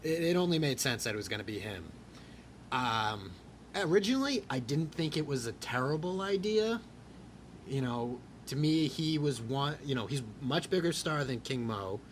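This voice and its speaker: A man's voice: mid-range voice, expressive, moderate pace, slight background noise. Rambling, crude-talking man on a podcast. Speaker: podcast host. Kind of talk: casual chat.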